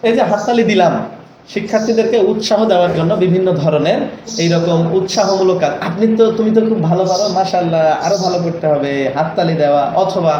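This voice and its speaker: A man's voice: sits high, fast talker, a crowd in the background. A man leading a training session for teachers, coaxing and often asking for agreement. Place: training room. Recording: echoey room, dull lo-fi, noisy.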